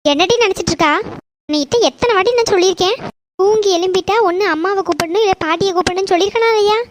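A woman's voice: very high voice, slight background noise. A woman doing a scolding young mother. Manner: scolding, loud, rapid questions.

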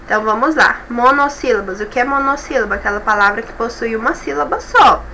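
A woman's voice: a little high, fast talker, bright, forceful tone, slight background noise, poor audio. A Brazilian woman teacher explaining grammar rules in an online review lesson, patient and methodical, often checking in with her students. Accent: Brazilian Portuguese. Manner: patient, explanatory, checks in with tags like "certo?" and "tá bom?".

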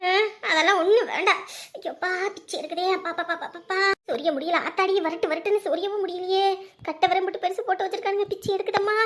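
A woman playing an older mother-in-law who groans and wails in pain, with a sharp tongue, in a serial-style drama. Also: extremely high pitch, expressive, a little fast. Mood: groaning. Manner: moaning, wailing, sharp-tongued. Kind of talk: TV serial acting.

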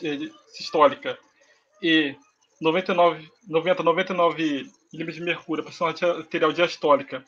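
A man with a Brazilian accent gives a university lecture over a video call, his voice bright and a little high. He talks hesitantly, with many filler sounds between phrases. The audio is dull and lo-fi, as from a video call. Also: slight background noise. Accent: Brazilian Portuguese. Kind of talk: online academic lecture.

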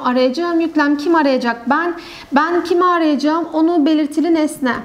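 A young woman teaching an online grammar lesson, who explains step by step and asks and answers her own questions. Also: high-pitched.

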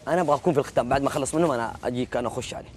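A man's voice: mid-range voice, very fast, a little mellow. A man with a Gulf Arabic accent chatting casually and animatedly in a group, often repeating his words insistently. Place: large walled courtyard set with a group of men.

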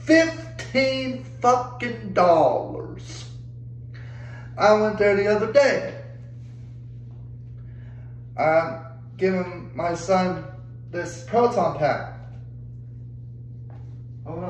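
Exasperated young guy ranting, cursing nonstop, high voice, faint hum behind. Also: drawn-out words, pauses often, echoey room, poor audio. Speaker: vlogger. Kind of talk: angry rant to camera.

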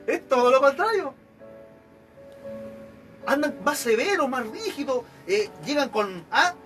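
A man with a Chilean accent delivers an evangelical sermon in a high voice. He keeps mimicking the people he talks about, so his pitch leaps and falls. Soft music plays under him. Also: measured pace. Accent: Chilean Spanish. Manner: animated, acts out examples of church members. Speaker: preacher.

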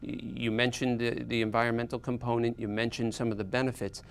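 A man in his fifties interviewing a guest in a studio, often halting and repeating words as he starts his questions. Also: mid-range voice, flat delivery, gravelly, clear, resonant tone. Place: small studio set with armchairs.

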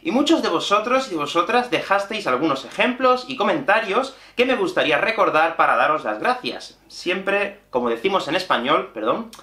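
A Spanish teacher from Spain gives an animated online lesson, gesturing constantly as he explains. His high-pitched voice moves at a moderate pace with hardly any pauses. He's filmed at mid-shot distance in a small, echoey room with a bookshelf and whiteboard.

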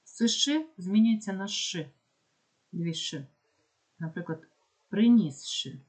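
A woman with a Ukrainian accent, teaching a pronunciation lesson and slowly spelling out example words with care. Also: medium pitch, lively intonation, a little mellow. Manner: slow, careful dictation of examples. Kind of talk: explaining phonetics lesson.

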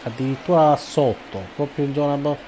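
A man's voice: mid-range voice, steady tone, moderate pace, dark tone. A man casually commentating his own baseball video game, cheering, groaning and muttering to himself as he plays. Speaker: gaming YouTuber. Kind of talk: casual let's-play commentary.

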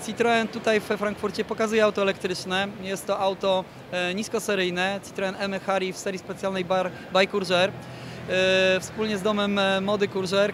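Speaking into a handheld mic held out to him, a man in his thirties who handles PR for a car brand gives a product-focused interview. His voice is high, his pace measured, and he hesitates often with drawn-out pauses, while the busy indoor car show hall makes plenty of background noise.

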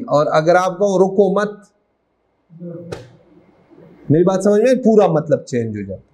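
A man's voice: fairly high pitch, a little mellow, rough recording. A middle-aged man with a Pakistani accent teaching an accounting class, reading out English legal text and quizzing his students as he goes. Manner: mixes English legal text into Urdu explanation, asks students questions. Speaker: accounting lecturer. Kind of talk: classroom lecture.

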